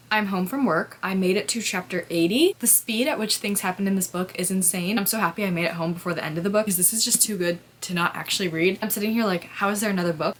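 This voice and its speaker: A woman's voice: medium pitch, a bit bright, slight background noise. A young woman chatting casually in a reading vlog, full of "like" fillers. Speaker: vlogger. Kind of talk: casual chat.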